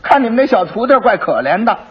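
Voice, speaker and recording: A man's voice: extremely high pitch, very animated, fast, breathy edge, voice pushed up, heavily acted. A man voicing a bossy, brusque male court constable who takes bribes, on a dull old recording. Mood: stern. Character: gruff bribe-taking male yamen constable.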